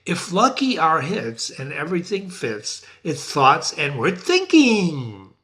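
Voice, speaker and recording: A man voicing a chorus of magic animals in a slow, sing-song rhyme. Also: on the high side, huge pitch swings, sharp tone, exaggerated voice.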